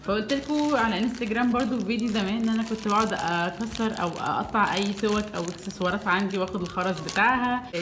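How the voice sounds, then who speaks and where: A woman's voice: medium pitch, background noise. A young woman with an Egyptian Arabic accent talks naturally and unscripted to camera, informally mixing English words into her Arabic. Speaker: vlogger, small business owner.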